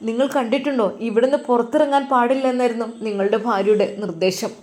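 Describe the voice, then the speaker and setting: A woman's voice: on the high side, fast, a little mellow, natural voice. A woman doing a tearful, scolding housemaid. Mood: tearful reproach. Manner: tearful, reproachful pleading. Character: grieving middle-aged housemaid, scolding her employer.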